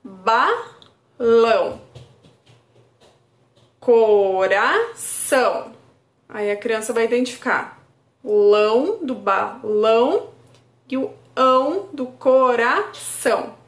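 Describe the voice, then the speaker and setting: A woman's voice: fairly high pitch, slow. Woman teaching in an echoey room. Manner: calm, stretches out example words syllable by syllable. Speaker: speech therapist. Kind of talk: educational talk for parents.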